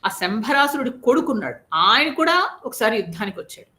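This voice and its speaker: A woman storyteller voicing a steady queen who earnestly consoles her grieving co-wife. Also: on the high side, a little fast. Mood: persuasive. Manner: earnest, persuasive, reassuring.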